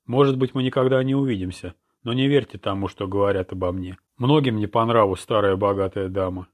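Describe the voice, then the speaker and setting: A chillingly detached old rich woman, read by a man. Her words come out cold and strangely flat, with a low voice that stays even. She sounds untroubled by anything around her. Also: brisk, close to an everyday voice. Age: older.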